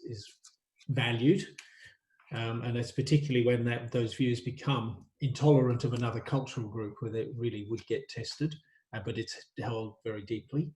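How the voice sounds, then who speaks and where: A man's voice: mid-range voice, a little mellow, roomy sound. A man lecturing a university workshop, thinking aloud with many fillers and restarts.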